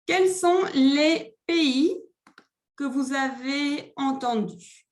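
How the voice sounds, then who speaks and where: High-voiced, slow-speaking woman teacher. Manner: slow, deliberate pronunciation drills. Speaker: French teacher. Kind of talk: classroom instruction.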